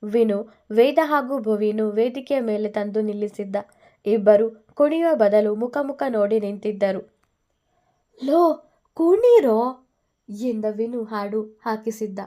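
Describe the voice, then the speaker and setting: A woman narrating a romance serial story in a scripted, even way. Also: mid-range voice.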